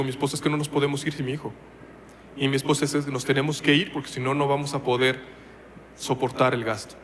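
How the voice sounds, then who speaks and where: A man's voice: a little high, a bit bright, big-room sound, a little hiss or hum. Man preaching with a lifted voice. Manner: emotional storytelling, quoting his own prayers aloud. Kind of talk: testimony in a sermon.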